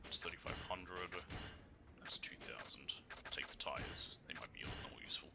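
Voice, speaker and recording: A man's voice: low-pitched, normal speed, creaky, noisy background. A man giving casual commentary as he plays a video game, thinking aloud and often muttering. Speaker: gamer doing a playthrough.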